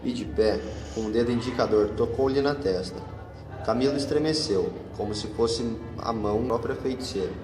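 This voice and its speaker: A Brazilian man with a mid-range voice narrates a scripted radio drama at normal speed. The recording has an echoey hall with long reverb and a music bed playing in the background.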